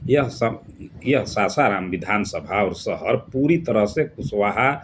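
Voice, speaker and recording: A man's voice: lowish voice, lively intonation, measured pace, slight background noise. A man from Bihar, giving an earnest, emphatic solo political commentary.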